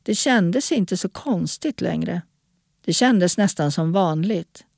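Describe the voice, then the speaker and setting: A woman narrating an audiobook story in a calm, even storytelling manner. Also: lowish voice, vocal fry, no room sound, clean studio sound.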